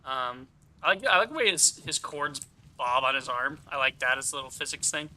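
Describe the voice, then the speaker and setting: A man's voice: mid-range voice, fairly quick, bright, forceful tone, slight background noise. A man giving casual game commentary as a streamer, rambling as he thinks aloud and swearing casually. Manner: casually profane.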